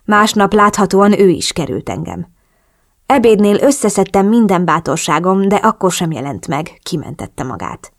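A woman's voice: lowish voice, vocal fry. A woman narrating a novel in the first person, earnest and emotional, pleading in the heroine's dialogue. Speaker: audiobook narrator.

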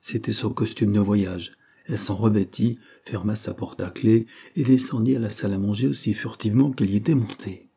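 A man narrates a classic novel as an audiobook in a steady, measured reading. His voice sits low with a husky grain and a dark, mellow tone.

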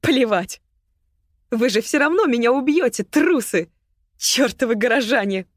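A woman reading an audiobook voices a bitter, furious young woman with a knife, scornful and shouting. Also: mid-range voice, unhurried, dry recording, clean studio sound, natural voice.

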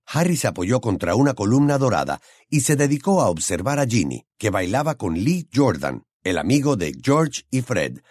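A man narrating an audiobook in a steady, expressive storytelling manner. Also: fairly low pitch, no room sound, studio quality.

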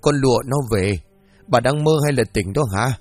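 A man's voice: medium pitch, normal speed, soft background music, close to an everyday voice. A man voicing a cruel old landowner, half drunk, who slurs and grumbles. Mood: gruff. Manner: slurred, grumbling.

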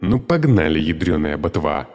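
A man voicing a foul-mouthed, hyperactive male cucumber servant in an audiobook, shouting crudely and excitably. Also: low voice, normal speed, husky, big-room sound. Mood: rowdy. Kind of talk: audiobook character voice.

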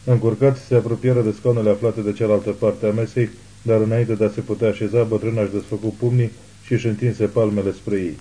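A man narrating an audiobook novel in a steady, measured reading. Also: lowish voice, poor audio.

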